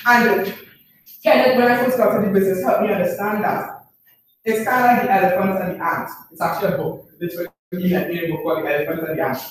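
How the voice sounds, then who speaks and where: A man's voice: high voice, fairly even intonation, a little fast. A man giving a motivational talk to a live group at an information session. He often checks in with the room by asking 'right?' and repeats phrases for emphasis. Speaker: presenter at a business information session. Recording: very echoey room, far from the mic, faint noise.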